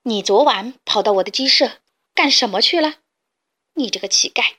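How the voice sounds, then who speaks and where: Lady doing a nasty fat old hen, snarling scolding, loud. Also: fairly high pitch, animated, normal speed, husky, heavily acted. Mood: fierce.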